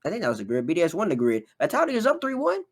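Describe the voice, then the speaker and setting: Cocky male guest, rapid-fire esports banter. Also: high-pitched, wildly swooping pitch. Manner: confident, boastful, rapid talker. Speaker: guest analyst. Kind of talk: casual esports podcast chat.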